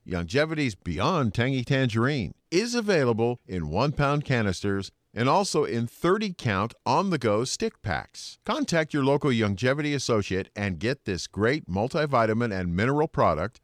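A male announcer reading a scripted radio advertisement as a measured sales pitch. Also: no room sound, studio quality. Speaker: commercial announcer.

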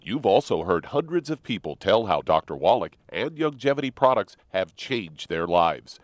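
A man's voice: sits low, no room sound. A male radio announcer giving a polished, scripted promotional read.

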